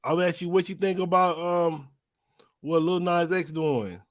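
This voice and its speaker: A man's voice: sits high, a little slow, no room sound, clean studio sound. A man hosting a casual interview, asking short, probing questions. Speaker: interview host.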